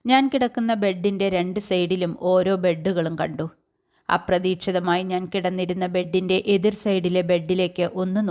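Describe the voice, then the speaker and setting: Calm woman reading a story aloud. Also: on the low side. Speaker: story reader.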